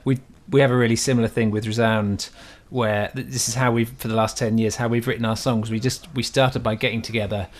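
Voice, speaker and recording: A man hosts a conversational podcast interview. His voice sits at an ordinary middle pitch. He is reflective and friendly and jokes lightly. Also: level tone, a little fast. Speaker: podcast host.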